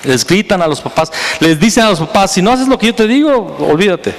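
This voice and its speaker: A man's voice: sits high, expressive, fairly quick, long reverb tail. A man preaching a sermon as pastor, building up to emphatic, intense passages. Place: church sanctuary.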